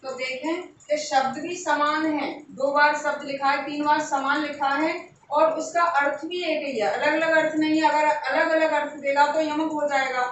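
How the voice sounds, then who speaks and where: A woman teacher giving an exam-prep grammar lesson, slowly working through examples and repeating them. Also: high voice, fairly even intonation, fairly bright tone, heavy reverb, far from the mic, slight background noise, low-quality recording. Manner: slow, repetitive explanation of examples.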